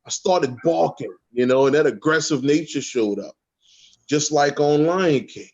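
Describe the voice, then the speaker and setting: A man's voice: fairly high pitch, a little slow, breathy edge, dull audio. A man in casual spiritual talk, profane, often repeating words and checking in with "okay?". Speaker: guest speaker on a spiritual panel.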